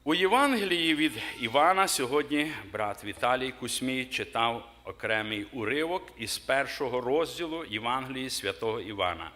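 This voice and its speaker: A man's voice: medium pitch, animated, pushed and bright. A middle-aged man preaching a sermon in a church, stopping to ask the congregation questions and leaning hard on key words. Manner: asks the congregation questions, emphatic pauses. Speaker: pastor. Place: church hall.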